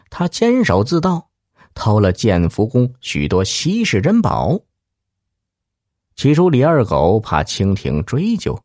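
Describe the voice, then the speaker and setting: A man's voice: fairly low pitch, a little mellow, no room sound, clean studio sound. A man telling a dramatic story in a theatrical way, with rhetorical questions and exclamations.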